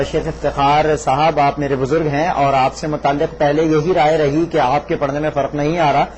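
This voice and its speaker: A somewhat high-voiced man hosts a live devotional call-in show. He speaks with formal courtesy and generous praise. Clear noise sits behind his voice. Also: a little mellow, lo-fi sound. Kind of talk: live broadcast presenting. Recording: noisy live broadcast sound.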